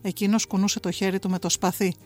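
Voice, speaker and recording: A woman giving a measured, dramatic literary reading on the radio. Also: mid-range voice, flat delivery. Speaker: reader. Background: soft music.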